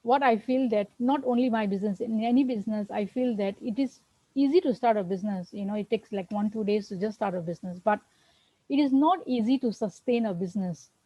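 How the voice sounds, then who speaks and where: A woman's voice: mid-range voice, a little fast, dry recording, highs cut off. A middle-aged woman from Singapore answering interview questions earnestly over a video call, with fillers and restarts. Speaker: guest, accountant. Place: at home, remote.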